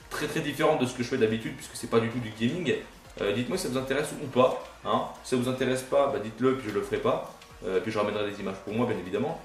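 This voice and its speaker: A young man, a gaming YouTuber, talks casually over gameplay, rambling, self-deprecating and throwing in casual swearing. His mid-range voice is recorded from a distance, off-mic in a roomy space, with faint game music playing.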